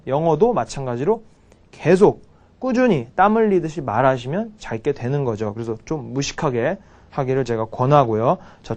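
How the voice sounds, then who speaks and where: A man with a slightly high, lively voice teaches English grammar. He drills English example sentences slowly and over and over. Between drills he talks in a blunt, chatty way. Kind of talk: spoken English lesson with drills.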